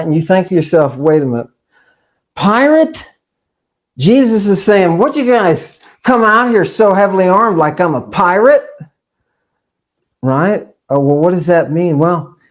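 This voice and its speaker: A man lectures in a loose, conversational way, working line by line through a text on screen. He talks at an unhurried pace, often circles back to repeat himself, and keeps asking "right?" of his listeners. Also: a little high, a little mellow. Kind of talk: informal lecture reading from a text.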